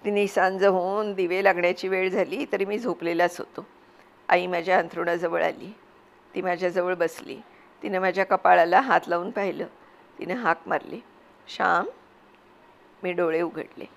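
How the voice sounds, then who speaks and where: A woman narrating a classic novel as an audiobook reading, in a measured and expressive storytelling manner. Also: on the low side, vocal fry.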